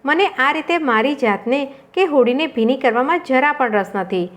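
A woman's voice: high-pitched, lively intonation, moderate pace. A woman doing vain, haughty Beauty. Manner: haughty, fussy. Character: Beauty, a vain proud female spirit.

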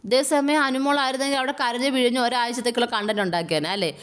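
Female commentator, opinionated, rapid-fire delivery, slightly high pitch. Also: a bit bright, smooth. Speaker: reality show commentator. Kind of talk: casual commentary.

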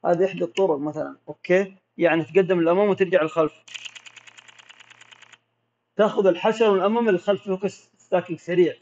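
A man with a Gulf Arabic accent, a macro photographer who answers viewer questions in a relaxed, explanatory way during a casual live Q&A. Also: high voice, fast, pauses often, slight background noise. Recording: dull lo-fi audio.

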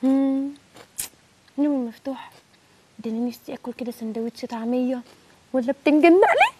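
A woman's voice: high voice, very animated, fast, darkish tone, slightly rough. A woman with an Egyptian accent playing a dieting wife, whiny and complaining. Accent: Egyptian Arabic. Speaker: wife in comedy sketch.

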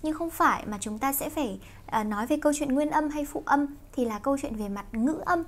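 A young Vietnamese woman teaching English through songs, explaining quickly and slowing down to sing lines. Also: high-pitched. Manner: quick explanations broken by slow sung lines. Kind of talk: song-based English pronunciation lesson.

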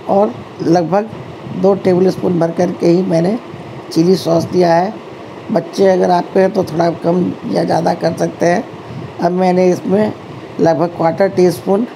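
A woman's voice: lowish voice, creaky, background noise. A woman hosting a home cooking tutorial, talking chattily to her viewers, calling them friends and often correcting herself. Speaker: cooking channel host. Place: home kitchen.

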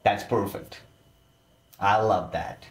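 A man with a very deep voice talks slowly through casual commentary, his loose, informal phrasing peppered with exclamations. The recording carries a roomy echo. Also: steady tone.

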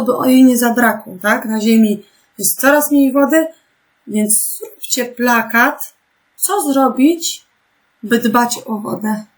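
Slow, patient woman teacher. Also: on the high side. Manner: slow, patient, clearly articulated instructions; gently addresses pupils with questions. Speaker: primary school teacher. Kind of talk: remote lesson for young children.

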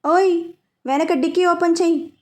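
A woman's voice: high-pitched, lively intonation, normal speed, a little mellow. A woman voicing a cheeky, bossy young woman who gives orders and talks back in a storybook reading. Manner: bossy and sassy, giving orders.

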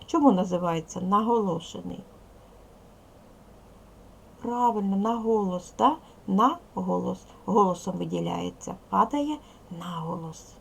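Gravelly-voiced woman teacher quizzing children. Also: mid-range voice, measured pace, long pauses. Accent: Ukrainian. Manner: patient, questioning, prompting children with repeated questions. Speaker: primary school teacher. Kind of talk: classroom lesson, addressing young pupils. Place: classroom.

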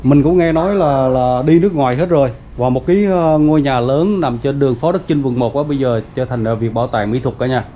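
A man with a mid-pitched voice walks viewers around an old family grave site, talking in a loose, chatty way full of fillers. The sound is dull and lo-fi, with faint outdoor noise behind him. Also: a little fast, few pauses. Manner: chatty, many fillers, addresses viewers as everyone. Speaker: vlogger. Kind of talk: casual walking tour narration. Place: outdoors at a cemetery gate.

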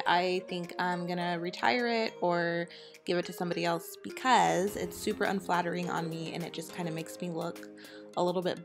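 A woman in her thirties, a mother, chatting casually to her viewers in a home voice-over. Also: medium pitch. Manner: chatty, upbeat, talks straight to viewers. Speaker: vlogger, mother.

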